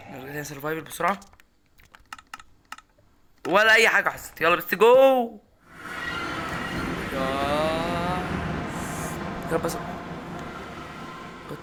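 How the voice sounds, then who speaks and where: A young man with an Egyptian Arabic accent commentating his own Minecraft run, excitable, talking straight to his viewers and repeating words in bursts. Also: on the high side, creaky, noisy background. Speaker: gaming YouTuber.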